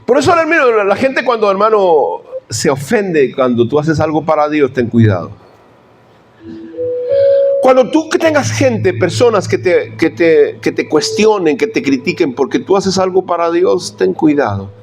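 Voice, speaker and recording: A pastor preaching a sermon to his church. His voice sits high for a man and swings widely up and down as he presses the congregation with pointed questions. Soft music plays underneath him. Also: big pitch swings, a little slow. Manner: emphatic preaching, rhetorical questions, addresses the congregation as brothers.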